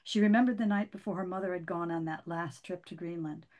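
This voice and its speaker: Animated woman author reading from her book. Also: on the low side, quick pace. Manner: animated, with many restarts. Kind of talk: conversational interview, then reading from her book.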